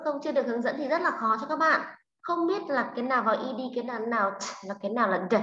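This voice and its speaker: Woman teacher, high and bright, patient explainer who keeps checking the class, roomy dull recording. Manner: checks understanding with frequent tag questions. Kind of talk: online English lesson for a class. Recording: roomy, slightly dull sound.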